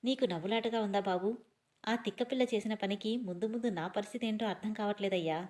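A woman voicing an older mother-in-law who scolds gently and calmly in a storybook reading. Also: mid-range voice, quick pace, natural voice. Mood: worried.

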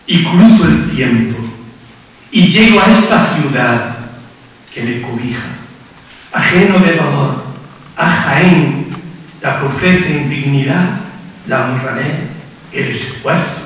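An older man with an accent from Spain solemnly recites a poetic religious proclamation, declaiming in measured phrases with dramatic pauses. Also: on the high side, a bit bright. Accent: Spanish from Spain. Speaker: festival proclamation speaker (pregonero). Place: on stage in a large theatre. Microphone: podium microphone, recorded from far off. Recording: distant, echoing theatre hall with long reverb.

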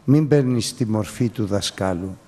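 A man preaching a sermon earnestly, often dropping to a quiet voice and sometimes rising to sudden exclamations. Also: lowish voice, in a large hall.

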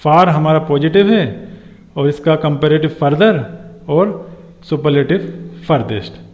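Hindi-speaking man teaching grammar, reverberant. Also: fairly high pitch. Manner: asks rhetorical questions, spells out letters slowly. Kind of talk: lesson. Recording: dull lo-fi sound with long reverb.

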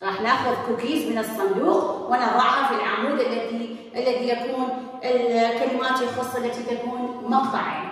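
A woman with an Iraqi Arabic accent teaching a children's English lesson, slowly drawing out and repeating the English words. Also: a little high, steady tone. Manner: slow, drawn-out repetition of English words. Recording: very echoey hall, voice from far off.

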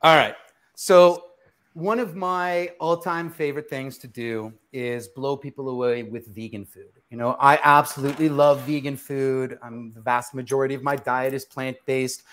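A man's voice: mid-range voice, steady tone, moderate pace, a bit bright. A middle-aged male chef giving a live cooking demonstration in a home kitchen studio, talking emphatically and answering his own questions.

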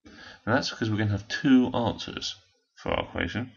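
Hoarse, gravelly-voiced man teaching maths. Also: on the low side, normal speed, muffled recording. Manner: step-by-step explaining, talking while working a calculator. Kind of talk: recorded maths lesson walkthrough.

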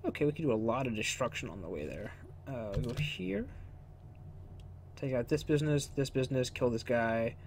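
A man's voice: mid-range voice, animated, normal speed. A sarcastic, joking man giving casual, sweary commentary as he plays through a game. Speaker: gamer commentating on his playthrough. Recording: faint noise and game sound behind. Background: video game sounds.

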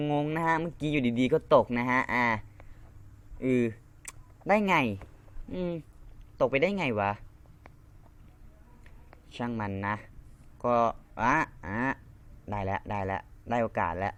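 A man's voice: mid-range voice, expressive, a little slow, long pauses, fairly bright tone. Rambling Isan-accented young man playing a game. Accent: Isan Thai. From Isan, northeast Thailand. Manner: rambling, repeats himself, mild swearing. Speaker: Minecraft gamer. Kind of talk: casual gameplay commentary.

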